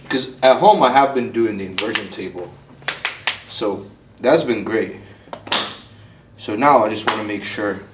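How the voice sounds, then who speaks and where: A young man from Ukraine vlogging his bodybuilding prep in a relaxed, chatty way, full of fillers and restarts. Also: lowish voice, background noise. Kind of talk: casual vlog talk.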